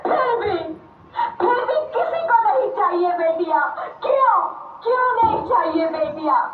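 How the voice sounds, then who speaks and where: A woman's voice: extremely high pitch, expressive, measured pace, very noisy. A woman playing an accusing spirit of unborn daughters. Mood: lamenting. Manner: accusing, declamatory, tearful. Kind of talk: amateur drama acting. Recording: echoey room from far off, tinny phone-like sound.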